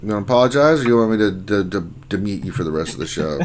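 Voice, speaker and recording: A man's voice: on the low side, expressive, rapid-fire, slight background noise. A man hosting a casual gaming livestream, reading viewer chat aloud and joking with his co-hosts. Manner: reads chat names aloud, joking and teasing. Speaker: livestream host.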